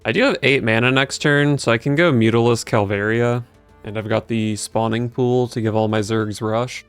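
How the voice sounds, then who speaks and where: A man commentates casually on his own gameplay in a smooth, clean voice. He is dry and sardonic, muttering strategy aloud, with faint game music behind him. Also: mid-range voice, normal speed, no echo. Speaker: game streamer.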